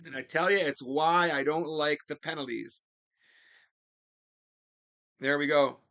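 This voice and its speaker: A man giving excited play-by-play commentary on a video game hockey league, his voice jumping up on big plays and drifting into chatty asides. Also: a little slow, no echo. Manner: rises sharply in pitch and volume on big plays, chatty asides.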